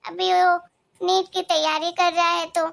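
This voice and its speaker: A woman voicing a gentle, worried middle-aged mother in a cartoon story, speaking in a soft, reassuring, explaining way. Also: very high-pitched, flat delivery, measured pace, vocal fry, heavily acted.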